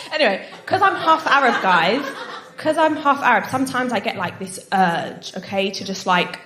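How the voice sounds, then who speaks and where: Animated and on the high side, she speaks a little slowly amid crowd noise. She's a stand-up comedian in her twenties performing at a live comedy night, chatting with the audience via frequent tag questions and giggling with snorts, in an echoey, noisy venue.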